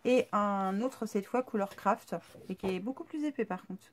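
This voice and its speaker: A woman's voice: medium pitch, moderate pace, a little hiss or hum. A woman YouTuber chatting casually through an unboxing, chatty and enthusiastic, with many fillers. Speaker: craft YouTuber.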